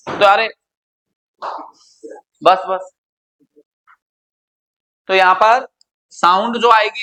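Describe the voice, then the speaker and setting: Male grammar teacher from India, high bright voice, keeps quizzing the class. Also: rough recording. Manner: quizzing students with repeated questions. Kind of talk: classroom lecture.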